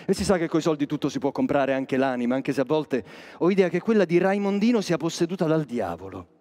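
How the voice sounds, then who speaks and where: A sly, cynical court chapel master played by a male actor, holding forth to the audience with sardonic stage declamation. His voice sits somewhat high for a man, with lots of tonal swing. It rings out in a stage hall with a long reverb tail. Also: expressive, quick pace, mellow, natural voice. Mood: mocking. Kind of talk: theatrical monologue to the audience.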